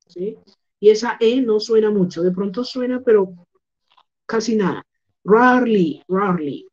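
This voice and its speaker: Woman, Colombian accent, English teacher, slow and patient, mellow voice. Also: mid-range voice, highs cut off. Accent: Colombian Spanish. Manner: slow, explanatory, repeats words for pronunciation. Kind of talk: online class lesson.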